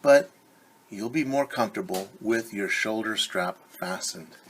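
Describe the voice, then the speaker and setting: A man's voice: fairly low pitch, unhurried, a little hiss or hum, natural voice. A man voicing a cheerful, kind little girl while reading a picture book aloud. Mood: eager.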